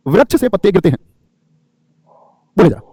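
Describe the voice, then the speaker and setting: A man's voice: high voice, big pitch swings, normal speed, mellow, slightly rough, no echo. A man teaching grammar in a classroom lecture, firing rhetorical questions and playing the students' answers himself, often calling his listeners friend.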